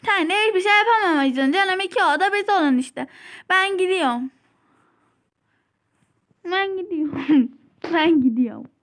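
A woman hosting a playful game-play vlog, giggling often and sometimes dropping to a hushed voice. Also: very high-pitched, expressive, moderate pace. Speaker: channel host.

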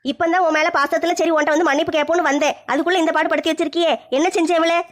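A woman's voice: extremely high pitch, little pitch movement. A woman playing a scolding, accusing mother-in-law in a comedy family skit. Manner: accusing, rapid-fire scolding.

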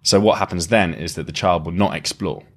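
Deep-voiced man, thoughtful and unhurried. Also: steady tone, fairly bright tone. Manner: thoughtful, explains at length with frequent restarts. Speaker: podcast guest, lyricist. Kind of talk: reflective conversational interview.

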